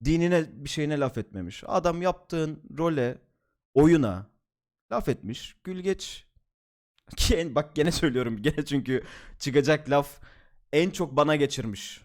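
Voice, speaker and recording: A man's voice: on the high side, lively intonation, unhurried, a little mellow. A young man streaming from home, chatting casually at his desk mic, laughing, swearing and joking as he reacts to videos.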